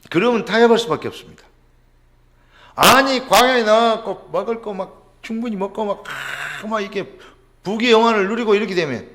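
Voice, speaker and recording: A middle-aged male pastor preaches a sermon, posing rhetorical questions and suddenly dropping his voice to a low murmur.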